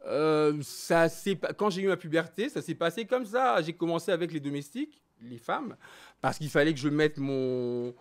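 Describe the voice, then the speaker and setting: A man born in Belgium and raised in Congo, speaking as a guest in a frank sit-down interview. His voice sits somewhat high and he talks with emphasis and animation. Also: moderate pace. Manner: animated, emphatic, switching between French and Lingala. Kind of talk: candid personal interview.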